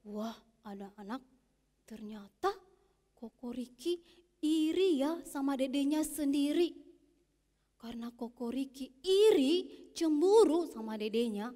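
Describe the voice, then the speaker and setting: High-voiced woman telling a children's story. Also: a little slow, long pauses, big-room sound. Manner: animated, addresses children directly. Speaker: Sunday school teacher.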